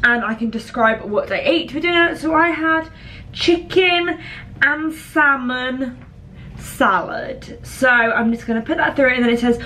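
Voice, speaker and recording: A woman's voice: sits high, measured pace, pushed and bright, a little hiss or hum. Chatty woman vlogging. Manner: chatty, self-deprecating. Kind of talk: casual vlog chat. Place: small bathroom at night.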